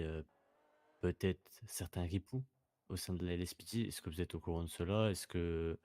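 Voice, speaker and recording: A man hosting a role-play news interview, asking polite questions in a hesitant, halting way. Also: sits low, darkish tone, no room sound. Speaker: interviewer, host.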